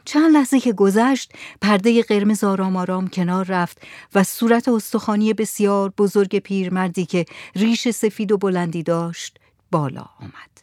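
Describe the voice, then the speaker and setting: A woman narrates an audiobook in a measured, even storytelling style. Her voice is medium-pitched, and the recording is dry and studio-clean.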